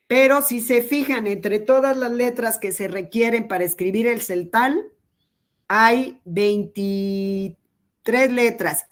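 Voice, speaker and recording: Slow, patient woman teaching teachers. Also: a little high. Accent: Mexican Spanish. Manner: slow, patient explaining with pauses. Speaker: teacher trainer. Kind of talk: online training lecture.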